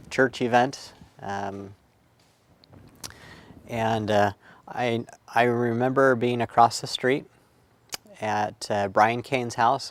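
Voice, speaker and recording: A middle-aged man recounting childhood memories in a recorded oral history, reflective and halting with many pauses and fillers. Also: on the low side, dry recording. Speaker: family history storyteller.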